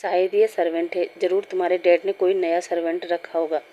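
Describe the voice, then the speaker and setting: A woman's voice: fairly low pitch, flat delivery, a little fast, dark tone, dull audio, close to an everyday voice. A woman voicing a haughty, bossy rich mother in a spoken story, giving curt orders. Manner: commanding, curt.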